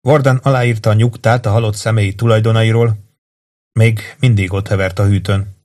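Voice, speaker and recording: A man reads an audiobook in a measured, even manner. His voice sits low, and the narration moves steadily. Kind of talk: audiobook reading.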